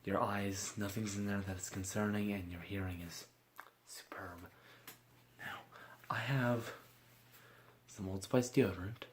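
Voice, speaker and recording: A man doing a gentle ASMR roleplay as a mock examiner, soft-spoken, slipping into whispers and giving slow, reassuring praise. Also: fairly low pitch, steady tone, slight background noise.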